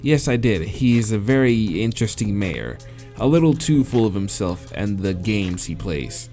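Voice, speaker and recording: This let's play reader has a lowish, dark-toned voice, animated and at normal speed. Game music plays as he reads a visual novel aloud, interrupting himself with swearing and laughter.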